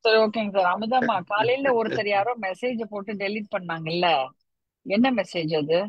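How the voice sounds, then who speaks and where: Chatty male participant, very high voice, dry lo-fi call sound. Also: normal speed, no room sound. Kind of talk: casual group chat.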